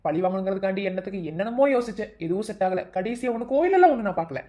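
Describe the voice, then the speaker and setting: A woman voices a scheming, cruel young man in a cartoon love story, talking fast in a sneering, taunting, mocking way. Her medium-pitched, mellow voice has lively intonation and a lightly acted quality.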